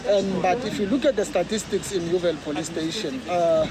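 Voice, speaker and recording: A man's voice: high voice, brisk. A South African man from a community policing forum, speaking earnestly in a street interview outdoors, hesitating and repeating words, through a face mask. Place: outdoors on a busy city street. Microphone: camera mic, subject wearing a face mask. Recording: busy crowd noise behind.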